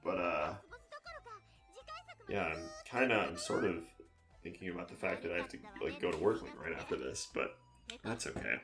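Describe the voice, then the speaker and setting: Deep-voiced tired young man. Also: moderate pace, long pauses, over music. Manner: rambling, tired and yawning. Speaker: co-host. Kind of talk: casual let's-play chat.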